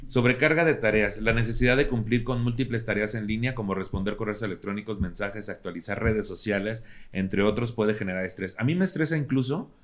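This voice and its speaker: A man's voice: on the low side, a little fast, few pauses. A man with a Mexican accent hosting a podcast, chatting casually and making fun of himself while reading out points. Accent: Mexican Spanish. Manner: joking, self-mocking, reads points aloud. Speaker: podcast host. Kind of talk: casual chat.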